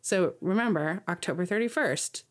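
A woman's voice: on the low side, animated, normal speed. A woman co-hosting a podcast, narrating food history from a script with enthusiasm and lingering over ingredient lists. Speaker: podcast co-host.

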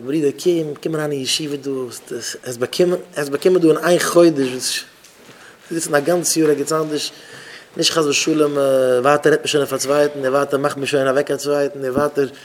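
Rabbi, man, slightly raised voice, repetitive questioning delivery, talking to students at a Shabbat gathering, faint noise behind. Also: on the high side. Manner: repetitive, questions listeners by name. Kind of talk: informal Shabbat gathering talk.

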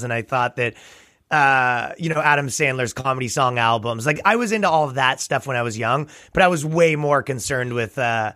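Casual male interview guest, gravelly and raspy, forceful tone, recorded dry. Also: mid-range voice, no room sound. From Canada. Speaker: comedian and musician, interview guest.

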